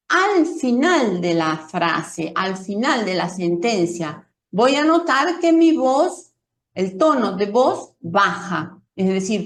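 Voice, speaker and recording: A woman teaching a pronunciation lesson, explaining slowly and carefully with spoken demonstrations. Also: a little high, roomy sound. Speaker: Spanish teacher.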